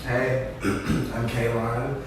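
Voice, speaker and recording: Slow, unhurried young man, echoey room. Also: mid-range voice, level tone. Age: 20s. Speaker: guest, musician. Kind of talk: casual panel chat. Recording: echoey room, far from mic, noise.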